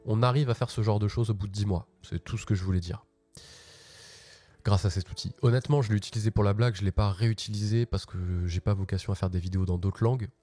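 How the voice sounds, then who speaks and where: A man's voice: fairly low pitch, fairly even intonation, fast talker, mellow. A man hosting a casual live tech walkthrough from his office, chatty and slangy, often restarting his sentences. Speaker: host.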